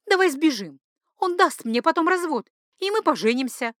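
A passionate young duchess, tearful and scheming, her voice climbing high and loud, as a woman acts her out. She sounds close and dry, as if read in a storybook. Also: expressive, normal speed, no room sound. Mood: desperate pleading. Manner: high, breathless, pleading.

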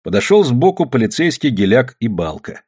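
Husky male audiobook narrator. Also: medium pitch, big pitch swings, normal speed, darkish tone. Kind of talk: scripted narration.

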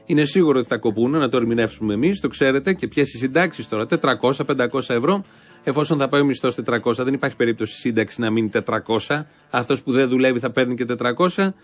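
A man hosting a satirical show, commenting on clips in a dry, mocking manner. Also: medium pitch. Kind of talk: sarcastic commentary.

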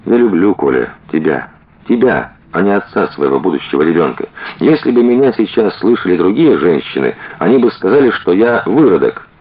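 A man reading the lines of a young wife who teases gently and wryly, for an audiobook. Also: sits low, big pitch swings, brisk, slightly rough, narrow, tinny audio, voice pushed up, heavily acted. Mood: tender.

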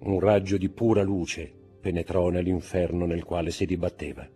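A man narrating a literary audiobook in a dramatic, measured way. His deep voice has a husky grain. Faint music plays softly behind him. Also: steady tone.

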